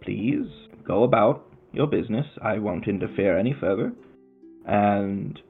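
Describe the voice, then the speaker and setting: A man voicing a polite but unyielding debt collector in a tabletop game, speaking in a measured, courteous way. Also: fairly low pitch, expressive, faint music behind. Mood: stern. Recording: tinny phone-like line.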